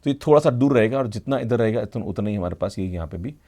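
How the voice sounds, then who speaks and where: A man's voice: lowish voice, expressive, fast, dark tone. A middle-aged man teaching a math class at a board. He mixes in technical English terms, checks in with the students again and again, and calls them "beta". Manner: addresses students as "beta", constant "hai na" check-ins.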